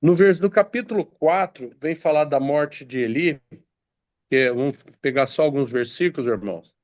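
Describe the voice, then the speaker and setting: A man's voice: a little high, moderate pace, dry recording, dull audio. A man preaching a sermon, reading scripture aloud and explaining it with many hesitant fillers and restarts.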